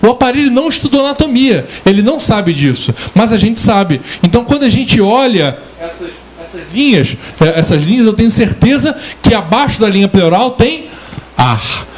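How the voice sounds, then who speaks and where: A man's voice: sits high, sing-song, normal speed. A man with a Brazilian Portuguese accent gives a medical lecture at a symposium, asking the audience questions, answering them himself and acting out examples in a playful, theatrical way. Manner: playful, theatrical, acts out echoes by shouting a word. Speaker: physician lecturer. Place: lecture hall.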